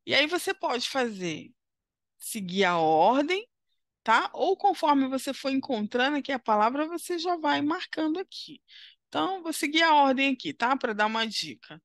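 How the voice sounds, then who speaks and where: A woman's voice: high voice, very animated, moderate pace, no room sound, studio quality. A woman with a Brazilian Portuguese accent, teaching a primary school lesson as she walks through a worksheet. She talks patiently and encouragingly, often checking in with the listener.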